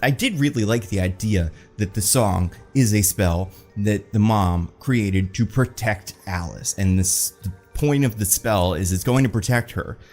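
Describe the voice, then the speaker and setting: A man with a fairly low voice talks through a TV episode in a loose, chatty review. He is animated and leans on "like" as a filler. Faint music sits underneath him. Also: a little slow. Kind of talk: casual review monologue.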